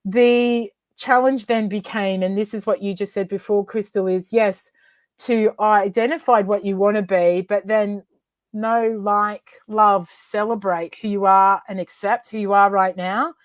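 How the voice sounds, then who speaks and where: A woman coach and author telling a story as an interview guest, animating dialogue with big pitch leaps. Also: fairly even intonation, measured pace, no room sound.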